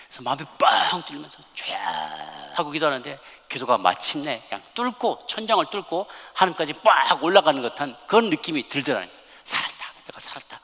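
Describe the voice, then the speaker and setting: A man's voice: fairly high pitch, sharp tone. A man preaching a sermon as a pastor in a church sanctuary, telling a story emphatically and reading scripture aloud. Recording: long church hall reverb.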